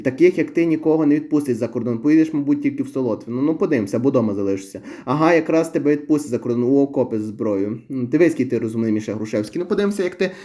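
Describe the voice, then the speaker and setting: A young man talks quickly in a loose, rambling vlog style. He sounds wry and offhand, as if reading out viewer comments. His voice sits at a middle pitch for a man. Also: warm tone. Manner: chatty, rambling, wry about his own channel. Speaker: vlogger.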